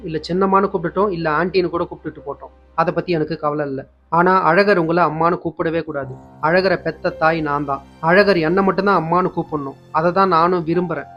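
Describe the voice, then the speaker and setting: A woman's voice: low-pitched, close to an everyday voice. A man retelling a stubborn, angry young mother. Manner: insistent, scolding. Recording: dull lo-fi with faint music.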